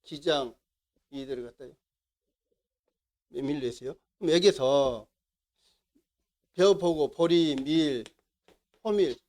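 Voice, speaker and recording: A man's voice: fairly high pitch, slow, long pauses, darkish tone. A middle-aged man with a Jeolla Korean accent, giving a classroom lecture as an instructor and answering his own questions to the class. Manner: asks the class questions and answers them himself.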